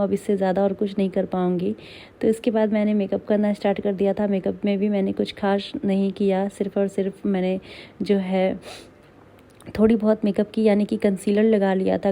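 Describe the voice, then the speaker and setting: Slightly hoarse young woman, very warm and dark. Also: medium pitch. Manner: chatty, rambling, tired. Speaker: vlogger. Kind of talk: casual voice-over narration.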